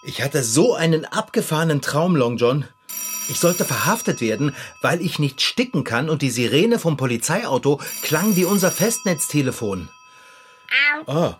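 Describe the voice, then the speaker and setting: A woman's voice: low voice, very animated, normal speed, a little hiss or hum. A woman voicing a good-natured, easily flustered male bicycle mechanic who chatters and laughs nervously. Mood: verträumt. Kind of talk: hobby audio drama acting.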